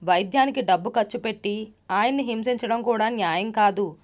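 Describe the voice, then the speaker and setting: A woman voicing a calm, measured male doctor in a read-aloud story. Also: medium pitch, close to an everyday voice.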